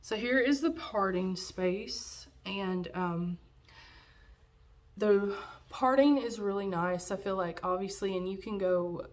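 Nasal from a cold, a young woman chats through a wig review for her casual product vlog, recorded on a front-facing camera. Her voice is medium in pitch and she takes her time, using many fillers, in a dim indoor room at home.

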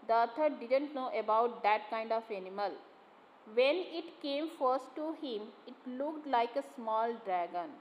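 A woman teacher speaks slowly and deliberately, reading a textbook story aloud and explaining it line by line. Her voice sits a little high. The recording carries a long, lingering reverb. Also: a little hiss or hum. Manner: slow, deliberate classroom explaining.

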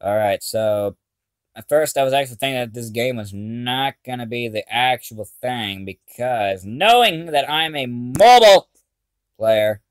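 Male gamer, casual play-along commentary, unhurried, smooth clear voice. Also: medium pitch, dry recording, poor audio. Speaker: gamer recording gameplay.

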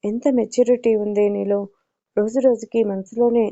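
A woman's voice: on the high side, level tone, normal speed, dark tone, lightly acted. A woman voicing a playful, stubborn young husband who teases his wife. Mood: teasing. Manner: teasing, mocking tone. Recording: dull lo-fi recording.

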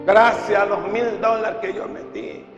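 Speaking through a handheld mic into the PA of a big, echoey church hall, with music underneath, an older pastor from Ecuador delivers a fervent sermon to his congregation. His voice sits high and creaky, keeping a steady tone at a measured pace while he stresses points with repeated phrases and rhetorical questions.

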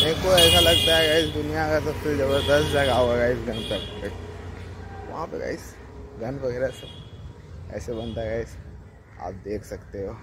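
A young man with a Bihari Hindi accent, chatting casually as he walks to a gun factory for his vlog and saying "guys" in nearly every line. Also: lowish voice. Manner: chatty, says "guys" constantly; drops to a hushed voice near guards. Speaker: travel vlogger. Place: outdoors on roads and near a factory gate. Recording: noisy outdoor phone recording.

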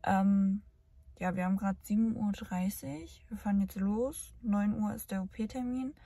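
A woman's voice: medium pitch, a little slow, dark tone, husky. A woman vlogging casually to camera, talking in a candid, rambling way, worn out and in pain after surgery. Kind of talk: casual vlog talk to camera.

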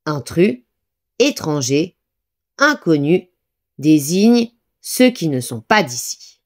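A woman's voice: low-pitched, sing-song, slow pace, full character voice. A woman voicing a pompous, haughty male elephant in a storybook, speaking stiffly and condescendingly.

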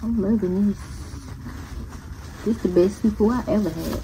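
A woman's voice: medium pitch, moderate pace, dark tone, slight background noise, low-quality recording. A woman chatting casually to her viewers while eating, talking with her mouth full. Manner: chatty, talks to viewers as y'all. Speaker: vlogger. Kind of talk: casual mukbang vlog.

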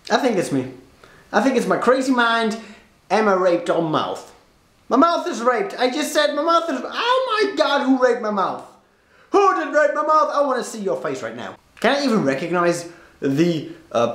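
Young man, Dutch accent, excitable vlogger, very lively delivery, echoey home room. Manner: rambling, excitable, with sudden high yelps. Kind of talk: casual daily vlog. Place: indoors in his room.

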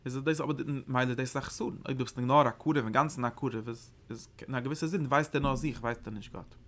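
A Torah teacher leads a study session on mystical texts, his speech halting and searching, with phrases often repeated. His voice is male, medium-pitched and slightly bright.

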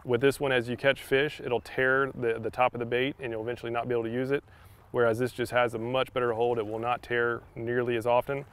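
Young guy on a beach explaining fishing tips, smooth clear voice, average pitch, lots of uhs and repeats. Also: fairly quick. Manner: relaxed, frequent fillers and repeated words. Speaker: fishing instructor. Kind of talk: casual outdoor tutorial. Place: sandy shoreline outdoors by open water.

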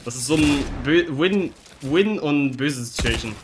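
A man's voice: a little high, expressive, a little slow, noisy background. A young man streaming a game in slangy speech, talking casually while exerting himself doing push-ups. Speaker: gaming streamer. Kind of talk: excitable casual livestream gaming commentary.

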